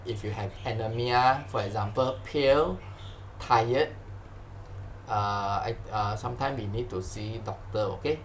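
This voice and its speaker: Walking through exam questions informally, a Malaysian-accented man teaches science, often repeating himself and adding "lah" and "huh" to his sentences. His voice is fairly low and gravelly, and there's slight hiss or hum.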